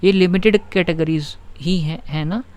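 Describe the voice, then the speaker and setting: A man teaching English grammar in an online lesson, explaining step by step and reading example sentences out slowly. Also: sits high, darkish tone, clean tone.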